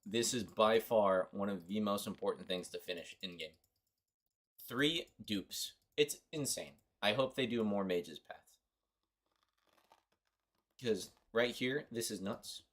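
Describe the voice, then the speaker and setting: A man's voice: lowish voice, slow pace, long pauses, fairly bright tone. A young man from Costa Rica streaming a mobile game, chatting offhand and rambling to his viewers. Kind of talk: casual livestream commentary.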